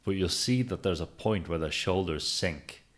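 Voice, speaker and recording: Brief: low male podcast co-host, handstand coach, animated storyteller. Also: moderate pace. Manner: lively storyteller, acts out quotes. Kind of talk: casual podcast conversation.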